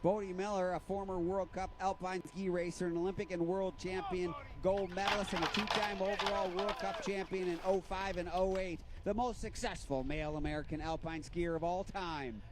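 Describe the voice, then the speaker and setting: A man's voice: high voice, level tone, moderate pace, few pauses. A man announcing a ski race live as a race caller, giving out names, courses and margins. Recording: clear background noise, outdoor event ambience.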